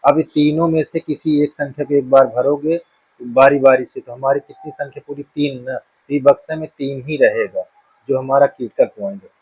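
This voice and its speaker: A man's voice: mid-range voice, normal speed, a little mellow, husky. A man teaching a school maths lesson, patiently working through counting problems and often checking that students follow. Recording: dull dry lo-fi room sound.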